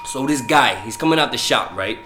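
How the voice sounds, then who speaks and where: A man's voice: mid-range voice, expressive, a little fast, sharp tone, faint music behind. A man doing a brash New Yorker. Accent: put-on New York. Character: brash New York storyteller. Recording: roomy echoing room.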